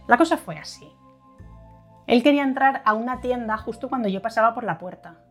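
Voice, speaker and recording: A woman's voice: fairly high pitch, lively intonation, brisk, faint music behind. A woman reading a first-person story in a wry, conversational narration, now and then acting out angry outbursts.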